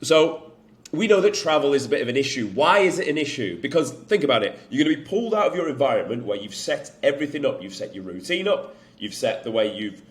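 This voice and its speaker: A man's voice: medium pitch, sing-song, quick pace. A young man with a northern English accent, a fitness coach talking bluntly to camera and swearing often. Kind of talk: unedited talking-to-camera vlog. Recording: echoey room.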